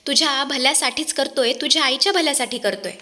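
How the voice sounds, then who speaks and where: Woman reading an older village chief smoothing things over, coaxing. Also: high voice, fast talker, bright, forceful tone. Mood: placating. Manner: coaxing, placating. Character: placating older village headman.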